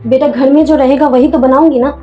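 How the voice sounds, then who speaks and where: A woman's voice: high voice, fairly even intonation, quick pace, faint music behind, lightly acted. Woman playing a meek, downtrodden daughter-in-law. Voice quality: soft, submissive, pleading. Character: meek mistreated young wife and mother. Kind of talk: home-made family drama acting. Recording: dull lo-fi recording.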